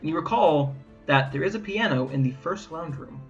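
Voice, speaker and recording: A man's voice: fairly high pitch, fairly quick, highs cut off, soft background music. A man narrating and joking as game master of a live tabletop game. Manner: animated and playful.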